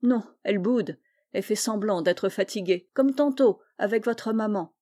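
A woman voicing a calm, firm nanny in a storybook reading. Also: medium pitch, moderate pace, close to an everyday voice.

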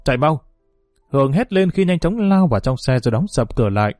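Male audiobook narrator, steady and mellow, dry close recording. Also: mid-range voice, fast talker, no room sound, soft background music.

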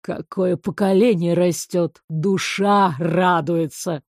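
A woman's voice: on the low side, flat delivery, slow pace, dark tone, no room sound, clean studio sound, pitched below the performer's own voice. A woman voicing an old male emperor who speaks in a weary, groaning way. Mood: proud. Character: gruff old male emperor on his throne.

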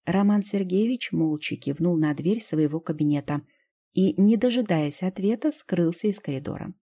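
A woman reading first-person narration from an audiobook in an even, measured way. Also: fairly low pitch, slightly rough.

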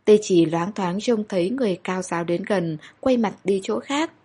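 A woman reading a story aloud in steady, measured audiobook narration. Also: medium pitch, slightly rough.

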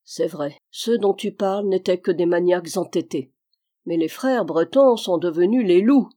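A woman's voice: lowish voice, normal speed, mellow, natural voice. A woman reading the part of a frank, cheerful young army captain in an audiobook.

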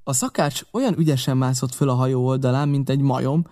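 Man narrating an adventure audiobook. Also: medium pitch. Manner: steady storytelling. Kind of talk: first-person novel narration.

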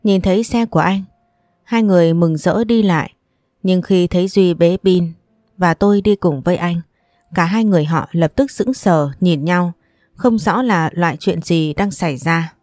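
A woman narrating a first-person audiobook story in a calm, even manner. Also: lowish voice, normal speed, dry recording, studio quality.

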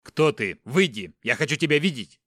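A man's voice: mid-range voice, sing-song, moderate pace, a bit bright, no echo, studio quality. A man voicing a tough middle-aged father held captive, firm and reassuring. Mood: commanding.

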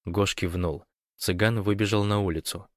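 Low-voiced male audiobook narrator. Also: fairly even intonation, normal speed, dry recording, studio quality. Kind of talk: scripted narration.

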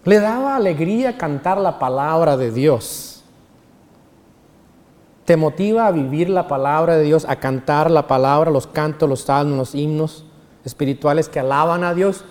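Male pastor, sermon delivery, higher voice, reverberant hall sound. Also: normal speed, a little mellow. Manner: preaching with sung quotes of songs.

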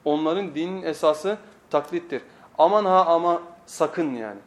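Man, preacher, pulpit microphone, high-pitched, emphatic, repeats key phrases, rhetorical questions. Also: moderate pace. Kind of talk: weekly sermon lesson.

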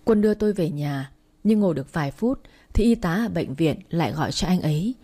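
A woman narrating a first-person story in a steady reading voice. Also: on the low side, a little fast, slightly rough.

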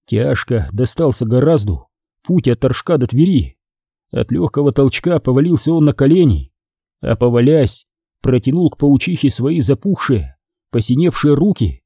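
A man's voice: mid-range voice, dark tone, breathy edge, no echo, clean studio sound. A man narrating a historical novel as an audiobook reader.

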